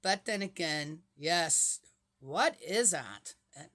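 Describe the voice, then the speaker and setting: A woman's voice: sits low, expressive, slow, a bit bright. A woman, talking casually to viewers in a rambling way and firing rhetorical questions at them. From Switzerland. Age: 60s. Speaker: vlogger reading the Bible. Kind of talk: casual chatty monologue.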